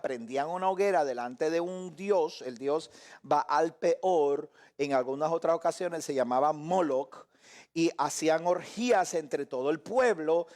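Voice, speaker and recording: A man preaching a live Bible lesson, animated, acting out voices and joking with his listeners. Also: fairly high pitch. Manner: animated, acts out voices and shouts; jokes and laughs with listeners.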